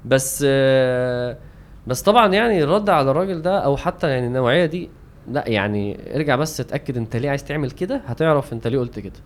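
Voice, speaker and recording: A man's voice: medium pitch, animated, rapid-fire. A young man with an Egyptian Arabic accent, talking casually about religion as a podcast host and acting out imagined replies.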